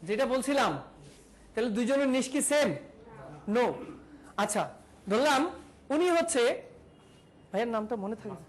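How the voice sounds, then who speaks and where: A woman's voice: a little high, moderate pace, pauses often. A woman teaching a digital marketing class, questioning students one by one and repeating key terms. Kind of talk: classroom lecture.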